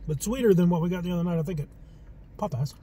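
A man with a North Carolina accent, talking while chewing in an easygoing, measured way as co-host of a casual food tasting chat inside a car. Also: sits high, dark tone. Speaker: co-host of a food review channel. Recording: distant mic in a car with faint road noise.

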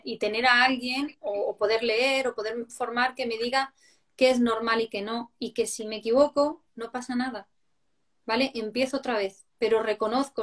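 Woman, parenting educator, slightly high voice, lively and explanatory in interview. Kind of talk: conversational interview answers.

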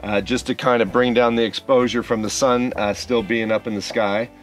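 A man in his thirties chatting casually outdoors by a lake, relaxed and rambling with plenty of fillers, recorded on a camera mic. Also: mid-range voice, normal speed, soft background music. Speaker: outdoor photography vlogger. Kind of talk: casual on-location vlog talk.

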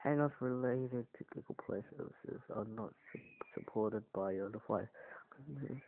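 A man's voice: lowish voice, moderate pace. A young man vlogging while he fiddles with his device, nervous and shaky, swearing and repeating words in a panic. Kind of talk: panicked tech vlog commentary. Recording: tinny phone-quality recording with faint noise.

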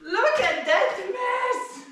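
A woman's voice: very high-pitched, very animated, drawn-out words, background noise. A Slovenian woman, a native Slovene speaker, chattily talking herself through her chores in casual English self-narration, with frequent exclamations. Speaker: vlogger narrating her own home projects.

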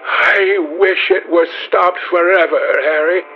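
A man voicing a sensitive young gentleman who speaks in pleading, emotional outbursts in an audiobook. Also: high voice, steady tone, takes it slowly, highs cut off, soft background music, voice pushed up. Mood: bitter. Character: sensitive young gentleman, anguished and tender-hearted.

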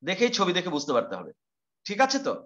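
A male teacher lectures an online class in a high, bright voice. He talks quickly, with a forceful edge. He explains step by step, repeats key terms and poses questions to his students. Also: huge pitch swings, highs cut off.

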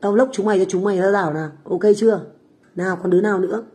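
A middle-aged Vietnamese woman, a food stall owner who livestreams, chats casually with viewers in a brash, foul-mouthed, taunting way from a home kitchen abroad. Her mid-range voice races along with a slightly mellow quality.

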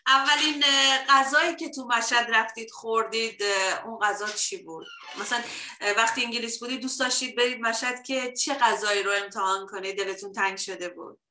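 A woman's voice: a little high, steady tone, bright, forceful tone, slight background noise. A woman hosting an interview, asking polite, encouraging questions. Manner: polite, encouraging, laughs often. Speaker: interview host. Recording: echoey room.

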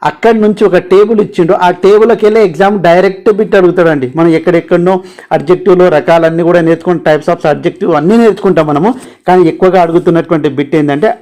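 A man's voice: high voice, darkish tone. A man with a Telugu accent teaching an exam-prep grammar lesson, emphatic and repeating key terms. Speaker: English teacher for exam aspirants.

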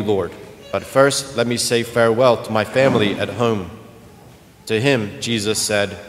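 A man serving as clergyman, reading the gospel and preaching a homily in a large church, his voice carrying a long cathedral-like echo. He speaks earnestly, searching for words and often restarting. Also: medium pitch. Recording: long church reverb, faint room noise.

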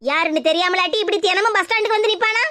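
Brief: squeaky, bright scolding cartoon mother, voiced by a woman, Kanyakumari Tamil accent. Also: racing, slight background noise. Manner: scolding, nagging. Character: scolding suspicious mother of a grown daughter. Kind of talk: cartoon comedy dub.

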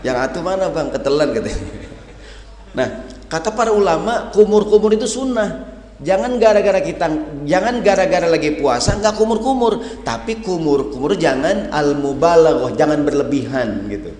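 Animated preacher in an echoey hall. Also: male voice, a little high, moderate pace. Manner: animated, acts out questioners, addresses audience as hadirin. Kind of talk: lively sermon with humor. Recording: echoey hall with long reverb.

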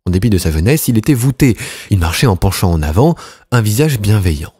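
A man narrating an audiobook in a measured, expressive storytelling manner, recorded close to the mic. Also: fairly low pitch, husky, no room sound. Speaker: audiobook reader. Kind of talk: scripted narration.

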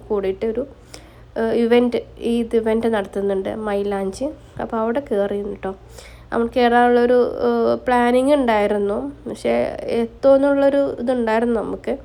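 A woman's voice: on the high side, dark tone. A woman narrating a casual vlog, mixing English words into her Malayalam. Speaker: vlogger.

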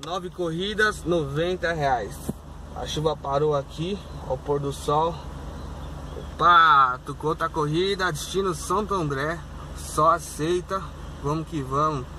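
Filmed on a dashboard phone camera, this young adult rideshare driver vlogs from inside his car by day and by night. His fairly high voice is unhurried, pushed, and bright, and he checks in with viewers cheerfully; the recording is low quality, with faint car and road noise.

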